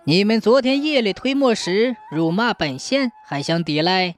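A man's voice: sits high, animated, normal speed, soft background music. A woman voicing a stern, shrewd county magistrate who barks his commands. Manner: barking, commanding.

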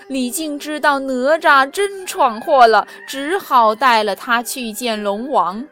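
A woman teacher narrating a children's story, expressive, slow and clear. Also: sits high, faint music behind.

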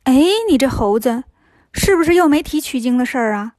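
A woman's voice: high voice, expressive, brisk, a little mellow, no echo, clean studio sound. A woman voicing a wise, patient female goddess in a storybook reading, chiding and patient.

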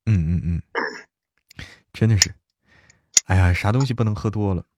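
A man's voice: low voice, normal speed, noisy background. A man chatting animatedly as co-host on a casual livestream, laughing easily. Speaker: co-host, apprentice to the host.

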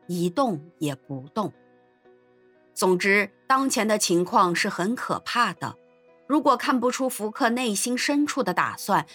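A woman narrating an episode of a classic adventure novel in an expressive storytelling manner. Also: a little high, breathy edge. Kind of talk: scripted narration.

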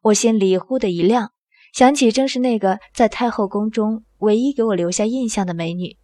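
A woman narrating an audio drama in the first person with a steady storytelling manner. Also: medium pitch, normal speed, no echo.

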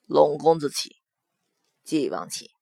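A woman acts out a reserved prince with a deep, grave voice that seems set back and distant. He is dignified and terse, read from a storybook. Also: very animated, slow pace, gravelly, dark tone, no echo, clean studio sound, heavily acted.

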